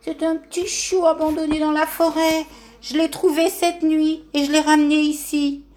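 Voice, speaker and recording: A woman's voice: high-pitched, level tone, normal speed, darkish tone, pitched above the performer's own voice, natural voice. A woman voicing a kind, protective dog in a children's storybook, talking in a soothing, pleading way. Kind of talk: storybook character voice.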